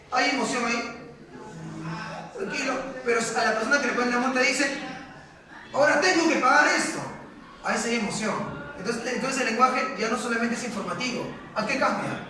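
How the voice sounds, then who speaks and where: High-voiced teacher in an echoey classroom. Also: male voice. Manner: questioning, repeats points for emphasis. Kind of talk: classroom lecture with questions to students. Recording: echoey classroom from far off, students audible.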